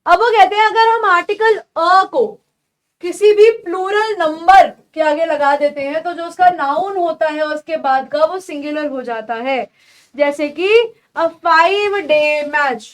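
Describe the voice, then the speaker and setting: High-voiced woman teaching English grammar. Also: unhurried. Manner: explains step by step, calls students "beta"; mixes Hindi with English example sentences. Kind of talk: online exam-prep lecture.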